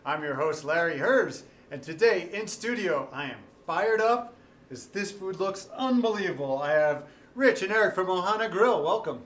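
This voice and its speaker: A man's voice: high-pitched, animated, moderate pace, fairly bright tone. Upbeat male TV host, roomy echo. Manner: upbeat, enthusiastic, jokey. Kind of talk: lively studio food segment. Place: TV studio.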